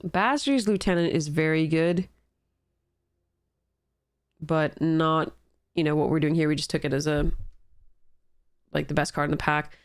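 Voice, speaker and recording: A woman's voice: sits low, a little slow, pauses often, dry recording, clean studio sound. A woman with a congested, stuffy nose, commentating casually and wryly on a game as she streams.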